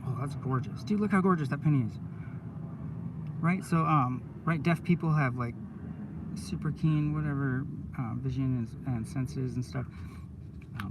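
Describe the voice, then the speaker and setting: Man, casual live-stream chat, rambling, excitable, stoned, gravelly voice, slightly distant mic, faint background hum. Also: a little high. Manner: rambling, excitable, lots of "dude" and "oh my God". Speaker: coin roll hunter streaming live. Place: in a van.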